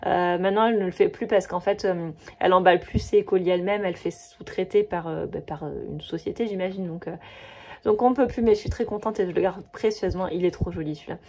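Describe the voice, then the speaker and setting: Chatty woman in her thirties, mellow husky voice. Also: lowish voice, fast talker. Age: 30s. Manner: chatty, gushing, many fillers and restarts. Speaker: coloring book vlogger. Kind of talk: casual chat.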